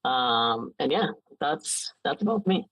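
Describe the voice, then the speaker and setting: Speaking as a guest in an interview, this Israeli-accented man in his late twenties talks casually, stumbling through frequent false starts. His medium-pitched voice has lively intonation and a fairly bright tone, captured on a rough recording without echo.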